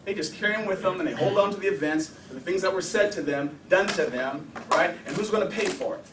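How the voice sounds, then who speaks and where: A man teaching an informal anger management class, talking in a lively, conversational way and acting out the voices of the people he quotes. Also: high-pitched, quick pace, background noise. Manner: animated, conversational, acts out quotes. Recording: echoey room, voice from a distance.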